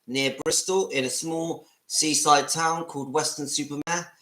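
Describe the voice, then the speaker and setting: West Country man, 50s, chatty livestream host; bright tone, roomy echo. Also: a little high, fairly even intonation, measured pace. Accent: West Country English. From Southwest England. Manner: chatty, rambling, greets commenters by name. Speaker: livestream vlogger. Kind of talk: casual live chat to viewers. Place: room at home.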